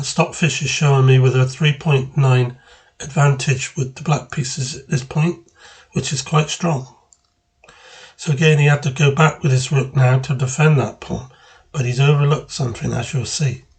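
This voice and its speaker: In a mid-range voice, a man gives laid-back play-by-play of his own chess game, musing aloud and halting partway through his phrases.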